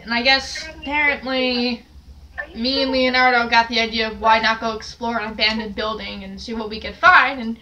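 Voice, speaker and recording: A woman's voice: fairly high pitch, steady tone, moderate pace, pushed and bright, highs cut off, a little hiss or hum. A young woman telling a story on camera in her bedroom, rambling with many fillers and restarts. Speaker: storytelling vlogger. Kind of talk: casual spoken storytelling. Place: small cluttered bedroom, indoors. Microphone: camera at a distance on a stand.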